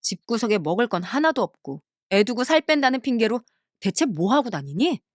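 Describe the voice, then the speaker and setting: A woman's voice: on the high side, very animated, a little fast, no echo, clean studio sound. Woman doing a snappish, dismissive husband. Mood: irritated. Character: irritable, dismissive young husband. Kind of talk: storybook cartoon voice acting.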